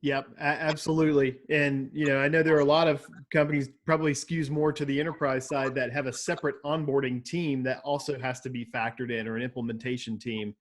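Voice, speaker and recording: A man's voice: medium pitch, little pitch movement, fairly quick, hardly any pauses. A man facilitating a casual video call discussion, friendly and inviting others to speak. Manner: friendly, hands the floor to others.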